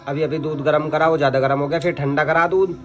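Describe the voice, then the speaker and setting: A man's voice: on the high side, fairly even intonation, fast talker, a bit bright. A young man, chatting and teasing his family while filming a casual vlog at home on his phone. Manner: teasing, chatty, addresses viewers as guys. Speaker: vlogger.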